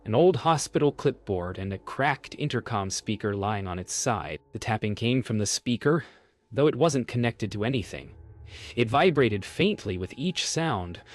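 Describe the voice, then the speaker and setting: A man reads a scripted first-person horror story as narrator, with measured, deliberate phrasing. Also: fairly low pitch, lively intonation, no echo.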